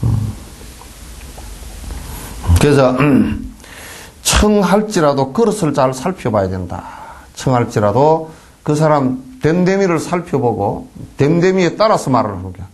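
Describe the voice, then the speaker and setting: A Buddhist monk with a Gyeongsang Korean accent gives a folksy dharma lecture in a temple hall, filling it with rhetorical questions and mimicked flattery. His voice sits on the high side, and he speaks a little slowly.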